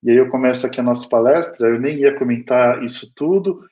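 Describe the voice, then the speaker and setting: A man's voice: medium pitch, a little fast, mellow. A Brazilian man giving a spiritist lecture, telling a personal story with earnest feeling and often turning to speak directly to his listeners. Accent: Brazilian Portuguese. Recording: dull lo-fi recording.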